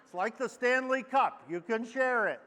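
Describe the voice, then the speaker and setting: A man's voice: very high-pitched, sharp tone. A man acting as a charity auctioneer, calling bids over and over and slipping in jokey asides. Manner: rapid repetitive bid calling, jokey asides. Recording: long hall reverb.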